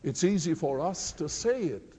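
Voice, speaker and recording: Male preacher, high mellow voice, slow and earnest, long hall reverb. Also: animated, a little hiss or hum. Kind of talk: sermon.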